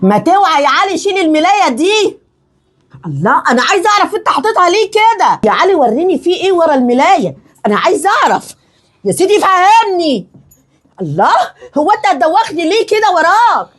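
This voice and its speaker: High, animated Egyptian woman nagging. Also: quick pace. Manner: nagging, demanding, suspicious. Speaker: suspicious wife. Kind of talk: comedic Egyptian sketch acting.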